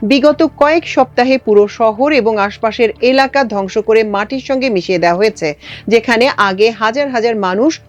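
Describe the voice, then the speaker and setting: A woman presenting international news, reading a script in a measured, formal way. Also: on the high side, highs cut off. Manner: measured formal newsreader delivery.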